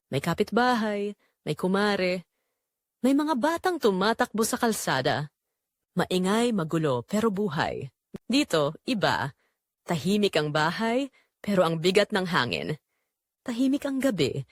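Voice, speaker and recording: A woman with a lowish voice and a Filipino accent plays a weary, anguished migrant-worker mother in an audio drama. She tells her story in emotive, confiding narration, sounding tired and pained, and the studio recording has no room sound.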